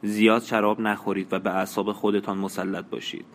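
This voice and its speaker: A man's voice: lowish voice, flat delivery, close to an everyday voice. A man reading the part of a devoted young maid who speaks in a worried, careful way in an audiobook.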